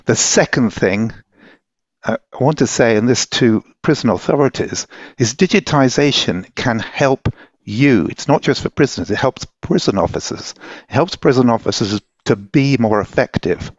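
A man's voice: medium pitch, expressive, moderate pace, no echo, dull audio. A man in his sixties giving an informal comment as a company chief on a video-call headset. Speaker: company founder and CEO. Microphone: headset boom mic on video call.

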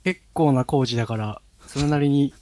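A man's voice: medium pitch, moderate pace, a loud crowd. A young man in casual chat on a live game stream, joking and teasing his friends.

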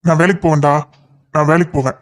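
A man's voice: fairly high pitch, steady tone, lightly acted. A man voicing a pushy young cartoon lover. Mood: eager. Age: young adult. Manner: rapid, insistent scolding. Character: young male lover, impatient and scolding. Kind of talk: cartoon voice acting.

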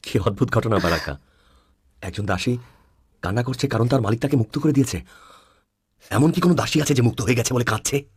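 A man voicing a kindly, wise older clan chief in a dubbed drama, with a husky voice and a soothing manner. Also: medium pitch, a little fast, long pauses, a little mellow, dry recording, studio quality, lightly acted. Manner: kind, soothing.

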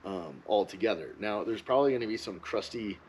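A man's voice: fairly low pitch, brisk, darkish tone, slight background noise, low-quality recording. A man giving a casual, rambling, opinionated monologue as a ski vlogger.

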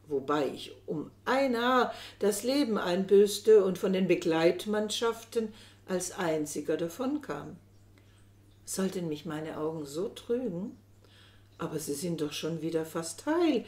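A woman's voice: medium pitch, warm tone. A woman doing a wary young manservant. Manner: musing, wary. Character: suspicious young male servant, brooding. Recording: roomy echo.

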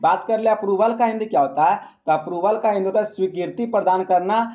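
A man's voice: high voice, warm tone, muffled recording. A man teaching an exam-prep English grammar lesson. He asks the class questions, answers them himself, and keeps calling his listeners friends. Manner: calls listeners "friends" often; reads English example sentences slowly.

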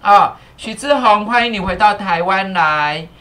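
A man's voice: sits high, a little slow, bright, forceful tone. Chatty male teacher spelling out English words. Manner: spells words letter by letter, repeats phrases, many fillers; thanks viewers and asks the crew to fix captions. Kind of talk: live-streamed English lesson.

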